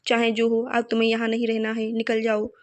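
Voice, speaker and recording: A woman's voice: on the high side, completely flat delivery, fairly quick, no echo, close to an everyday voice. A woman narrator voicing a stern elderly mother-in-law who turns to pleading, in a storybook reading.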